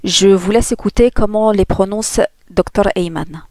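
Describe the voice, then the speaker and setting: A woman's voice: mid-range voice, moderate pace, darkish tone, no echo. A woman teaching a spoken lesson, explaining step by step and demonstrating sounds. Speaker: tajwid teacher.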